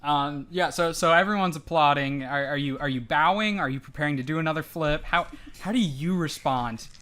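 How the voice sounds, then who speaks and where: A game master narrating a tabletop game in a lively, halting way with many restarts. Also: mid-range voice.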